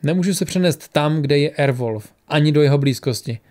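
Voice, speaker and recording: A man's voice: a little high, darkish tone, lightly acted. A man voicing a stern, fed-up male traveler who lectures others in an audiobook.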